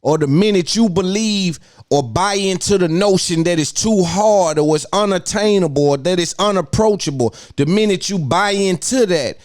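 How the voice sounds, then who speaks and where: A podcast host with a slightly high male voice delivers an opinionated monologue, repeating phrases for emphasis. The recording is dry, with clean studio sound.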